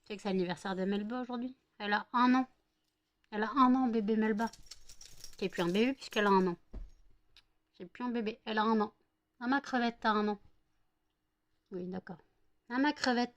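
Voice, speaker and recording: A woman's voice: mid-range voice, fairly quick, long pauses. A French woman vlogging at home, chatting and cooing baby talk to her dogs with playful teasing. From France. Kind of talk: casual chat to her dogs.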